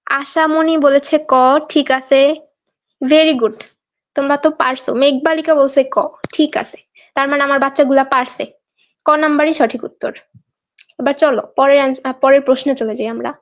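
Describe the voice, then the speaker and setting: High-voiced chatty woman teacher. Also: fairly even intonation, moderate pace. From Bangladesh. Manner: chatty, coaxing, reads out student answers. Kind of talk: live online exam-prep class.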